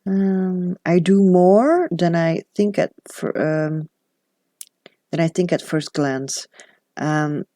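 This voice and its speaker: Speaking slowly at a fairly low pitch with a dark tone, this chatty woman is recorded dry and close, no echo. She is a journaling vlogger, first language Dutch, in casual chat that is reflective and full of self-deprecating asides.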